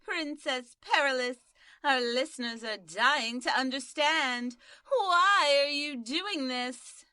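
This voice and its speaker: A woman's voice: high-pitched, slow pace, pushed and bright, no room sound, studio quality, full character voice. A woman voicing a melodramatic on-scene news reporter, narrating the action as it happens. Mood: dramatic. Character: breathless female news reporter.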